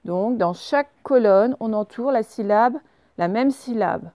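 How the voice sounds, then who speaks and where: Slow, clear woman teaching. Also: a little high, expressive, dark tone, dry recording. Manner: slow, clear, instructive, spelling out sounds. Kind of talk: remote reading lesson for young children.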